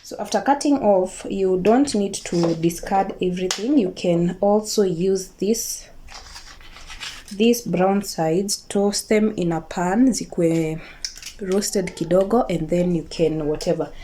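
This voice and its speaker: Her voice is lowish and dark, and she takes things slowly as she walks viewers through a recipe. This Kenyan woman, who has a Kikuyu accent, keeps the cooking tutorial casual, repeating herself, checking in with her audience, and slipping Swahili words into English. Kitchen clatter makes the home recording clearly noisy.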